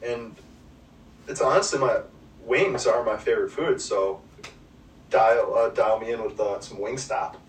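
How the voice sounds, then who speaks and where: A man's voice: mid-range voice, measured pace, pauses often. A man co-hosting a casual podcast chat, laid-back and hesitant, with lots of ums and uhs. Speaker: podcast co-host. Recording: roomy, distant mic, faint background hum.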